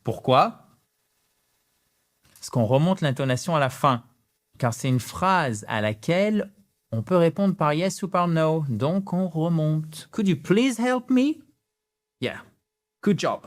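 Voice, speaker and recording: A man with a French accent teaching English phrases in an animated online lesson, gesturing and stretching out example sentences with rising intonation. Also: fairly high pitch, slow, long pauses.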